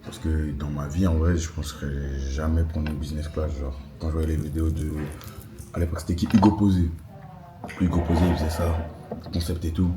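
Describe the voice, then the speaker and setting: Over music and the noise of an airport, a French-accented vlogger in his twenties talks casually to camera from a lounge, calling his audience "les gars." His very deep voice is delivered flatly and fairly quickly, in a chatty, slangy style.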